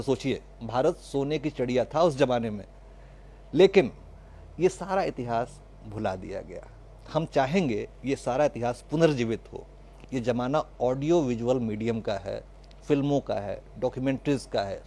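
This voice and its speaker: A man's voice: medium pitch, darkish tone. Man giving a fluent history speech.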